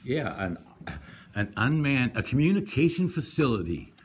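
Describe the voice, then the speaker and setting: At a public hearing, a citizen disputes a code violation in argumentative testimony. He speaks at normal speed in a sing-song, medium-pitched voice, staying combative and insistent and repeating himself a lot.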